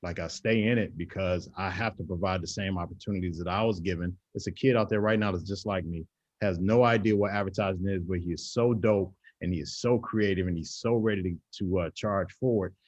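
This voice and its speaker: Earnest low-voiced man, dull audio. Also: darkish tone, no echo. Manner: earnest, halting with many fillers. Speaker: agency founder, panelist. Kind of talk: panel discussion.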